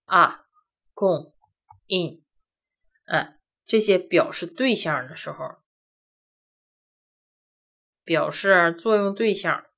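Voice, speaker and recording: A woman's voice: fairly low pitch, extremely slow, long pauses, a bit bright. A woman teaching a grammar lesson, walking through each point step by step and often asking rhetorical questions. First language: Chinese. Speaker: language teacher. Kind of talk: classroom-style grammar lesson.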